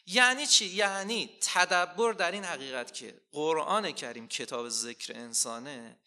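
A man preaching a sermon, asking rhetorical questions and slowly quoting scripture with rising emphasis. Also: a little high, pushed and bright.

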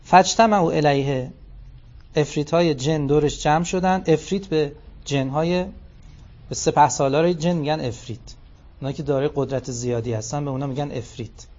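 A man's voice: on the high side, darkish tone. A man giving a scripture commentary lecture, reciting passages in Arabic and then explaining them in casual speech. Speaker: religious lecturer. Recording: dull lo-fi recording.

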